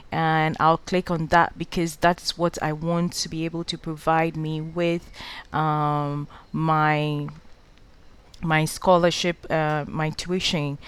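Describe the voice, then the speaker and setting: In this screen-recorded tutorial, the host of a scholarship guide, a woman from Ghana, speaks in a low, smooth voice. Her advice is direct, though her speech is halting and full of "uh" and "um."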